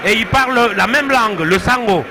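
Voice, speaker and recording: A man with a Congolese accent giving explanatory, somewhat halting live analysis as a football co-commentator. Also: extremely high pitch. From Democratic Republic of the Congo. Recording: noisy stadium broadcast. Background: stadium noise.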